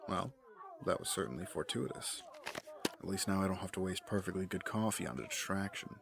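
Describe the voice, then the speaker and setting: In an audio drama, a man plays a smooth, scheming middle-aged gentleman hiding behind a fatherly front, speaking in measured, formal phrases. His voice sits low and is animated, with a sly, calculating mood, over heavy background noise.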